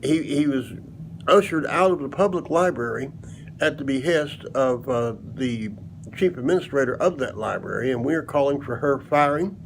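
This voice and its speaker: A man in his sixties giving informal opinion commentary to the camera in a halting, emphatic way, recorded indoors at home. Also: mid-range voice, gravelly, rough recording. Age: 60s. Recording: noticeable background noise, room ambience.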